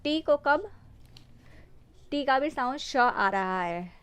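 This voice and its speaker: A woman gives a slow phonics lesson, spelling out letters and saying each example word twice. Her voice is smooth and clear and sits a little high. The sound is dry and close. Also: expressive, a bit bright, dry recording. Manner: spells out letters and repeats example words slowly. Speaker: phonics teacher.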